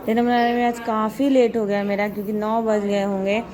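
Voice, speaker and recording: A woman's voice: mid-range voice, little pitch movement, a little fast, darkish tone. Chatty woman narrating a family vlog. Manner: chatty, rambling, repeats words. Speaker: vlogger. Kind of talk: casual home vlog narration.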